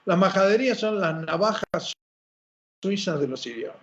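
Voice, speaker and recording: A man being interviewed, explaining in a lively, teacherly way and posing questions he then answers himself. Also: sits high, normal speed. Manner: lively teacherly, asks and answers his own rhetorical questions. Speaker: interview guest. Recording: muffled lo-fi audio.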